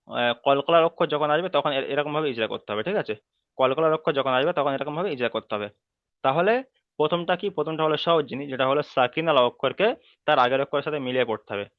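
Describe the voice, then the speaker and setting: A man teaching Quran recitation rules, patiently repeating each rule and slowly drawing out letter sounds. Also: a little high, no room sound. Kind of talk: online tajweed lesson. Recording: dull dry lo-fi recording.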